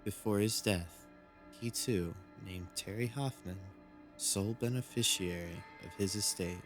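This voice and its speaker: A man reads scripted true-crime horror narration in a measured, solemn storytelling manner. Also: fairly low pitch. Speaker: narrator of a creepy mystery series. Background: background music.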